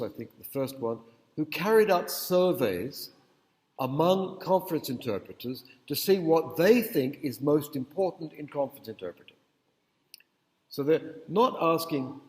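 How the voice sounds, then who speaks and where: In a medium-pitched, darkish voice, a man delivers a conversational university lecture that wanders into digressions and often checks in with the audience. The hall is echoey, with long reverb.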